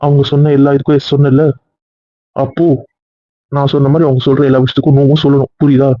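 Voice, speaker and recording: A man's voice: mid-range voice, monotone, fast, mellow, no room sound, close to an everyday voice. A man acting as a worried husband who pleads with his wife and grows heated, in an amateur serial drama. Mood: firm. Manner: pleading, then heated and insistent. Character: worried, possessive young husband. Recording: dry, tinny phone-like recording.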